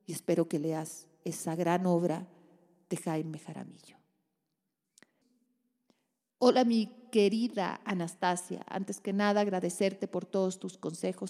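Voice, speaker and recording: A relationship advice host, her lowish voice mellow and fairly even, works through listeners' letters without hurrying, offering tender replies rich with soothing endearments. The sound carries like a large hall.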